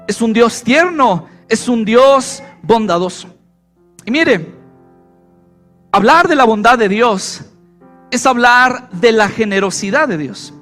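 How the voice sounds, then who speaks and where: A man's voice: very high voice, fairly bright tone. A male pastor preaching a sermon, repeating key phrases and putting questions to the congregation. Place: church.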